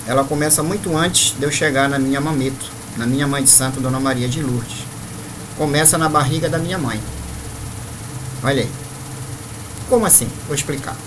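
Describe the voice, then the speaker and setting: A spiritual leader in his fifties from Maranhão in northeastern Brazil tells viewers his spiritual life story, unhurried and full of tag questions. His voice is mid-range, with background noise present.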